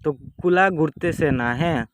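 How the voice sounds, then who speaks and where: A man, calmly explaining a folk ritual to his viewers in plain, repetitive casual speech. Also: a little high, brisk, dry recording. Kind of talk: casual spoken demonstration. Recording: clearly noisy home video.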